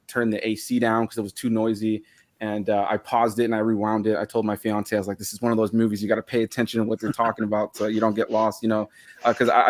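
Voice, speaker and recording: A man hosting a casual video interview, enthusiastic and full of praise for his guests. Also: on the low side. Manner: enthusiastic, complimentary. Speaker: interview host.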